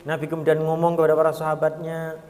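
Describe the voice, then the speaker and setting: A man with a Javanese accent preaching a sermon, telling a story dramatically with swings between hushed whispers and loud exclamations. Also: a little high, completely flat delivery, quick pace. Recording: long hall reverb.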